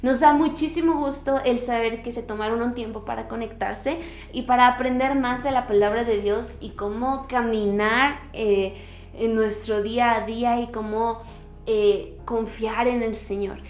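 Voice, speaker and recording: A woman's voice: fairly high pitch, steady tone. Earnest woman teaching in a roomy space. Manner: earnest, emphatic storytelling with pauses and restarts. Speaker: podcast host and Bible teacher. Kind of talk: devotional teaching. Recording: roomy echo with faint music.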